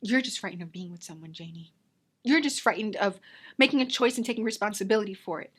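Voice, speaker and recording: A woman acting a self-taped drama scene as a wistful, defensive woman nearing thirty, speaking earnestly with emotional pauses. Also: medium pitch, husky, close to an everyday voice. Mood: pleading, firm.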